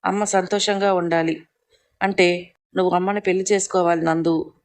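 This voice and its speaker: A woman's voice: on the low side, fairly even intonation, moderate pace, lightly acted. A narrator voicing a young woman who earnestly pleads with a close family friend in an emotional audio story. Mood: pleading.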